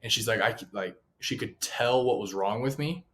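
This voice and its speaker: A man's voice: on the low side, moderate pace, slight background noise. A young man co-hosting a casual chat, telling funny stories and acting out the quotes. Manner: animated storyteller, acts out quotes. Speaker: podcast co-host.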